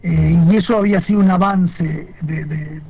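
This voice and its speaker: Interview guest, male, fairly high yet mellow voice, halting and reflective, heard over a video call. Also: steady tone, breathy edge, muffled recording. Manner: thoughtful, hesitant, many fillers and restarts. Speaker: guest photojournalist. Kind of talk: remote interview answers.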